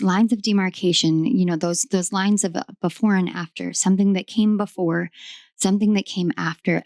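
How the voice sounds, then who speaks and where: At home in a room, a tarot reader gives a casual reading to camera, wandering off-topic fondly, filling gaps with many ums, and chatting to her pets. Her hoarse voice is low, dry, and darkish, with no room sound at all.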